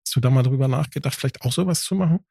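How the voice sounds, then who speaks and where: A man's voice: mid-range voice, racing, vocal fry, mellow. A man hosting an interview, asking long, winding questions in a chatty way. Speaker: interviewer, host. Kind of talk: casual interview talk.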